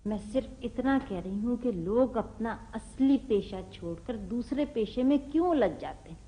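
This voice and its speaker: A woman's voice: a little high, expressive, a little slow, mellow, a little hiss or hum, poor audio. An actress playing a middle-aged mother and wife with a sarcastic, scolding tongue, in a 1990s television stage play. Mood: needling.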